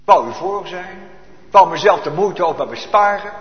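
A man preaching a sermon to his congregation, swinging from hushed asides to loud, emphatic declamation in old-fashioned churchly Dutch. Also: high voice, lively intonation, moderate pace. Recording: echoey church hall, dull lo-fi.

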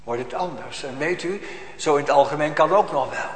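A man preaches a sermon in a fairly high voice, pressing his congregation with emphatic admonitions and pointed questions. His voice rings through a church hall, trailing a long reverb. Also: a little fast, fairly bright tone. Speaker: pastor.

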